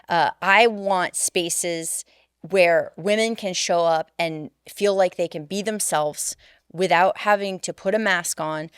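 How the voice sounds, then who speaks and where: Her voice is smooth, resonant, and a little low: a middle-aged podcast co-host talking slowly and earnestly in a casual chat, livening up whenever she tells a story. The studio recording is close and dry, free of echo.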